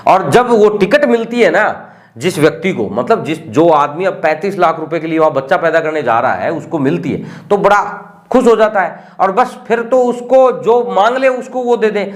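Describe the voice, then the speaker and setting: A man's voice: high-pitched, expressive, normal speed. A man hosting a video channel, talking casually and straight to his viewers as he explains how a scam works. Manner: chatty, speaks straight to viewers. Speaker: YouTube channel host warning about scams.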